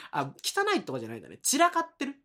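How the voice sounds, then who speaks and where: Young male podcast co-host, quick rambler with a husky, nasal, stuffed-up voice. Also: a little high, huge pitch swings, bright, forceful tone. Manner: rambling storyteller, laughs a lot. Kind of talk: casual chat.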